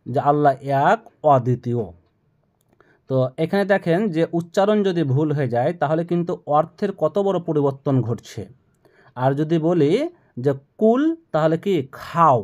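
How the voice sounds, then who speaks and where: A man's voice: fairly high pitch, a little mellow. A man giving a Quran pronunciation lesson, explaining the rules patiently and repeating each phrase so learners can follow along. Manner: slow, drawn-out melodic recitation of verses. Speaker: Quran recitation teacher.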